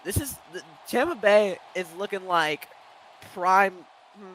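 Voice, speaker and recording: A man doing live play-by-play commentary with a high, bright, forceful voice. He fires off calls in quick bursts and erupts at big moments. Faint background noise sits under the voice. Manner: excitable, rapid-fire calls with loud bursts.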